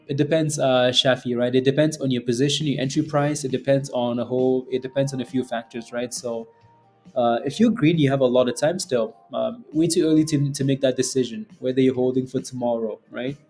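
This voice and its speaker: A man's voice: mid-range voice, fairly even intonation, a little fast, darkish tone, soft background music. A man hosting a casual live trading stream, talking in slangy finance-bro style, blunt and exasperated, often repeating himself for emphasis. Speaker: day-trading livestream host.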